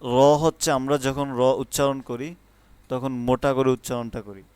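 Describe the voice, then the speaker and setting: A man teaching the Arabic letters in an online lesson, explaining each one patiently and then calling it out loudly and drawn out. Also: mid-range voice, little pitch movement, measured pace, smooth, no room sound.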